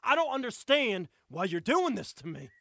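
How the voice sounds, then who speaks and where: An actor playing a wounded adult man, desperate and angry, who groans in pain, swears and shouts for help. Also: medium pitch, big pitch swings, moderate pace, creaky, dry recording, clean studio sound. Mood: pleading. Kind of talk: audio drama acting.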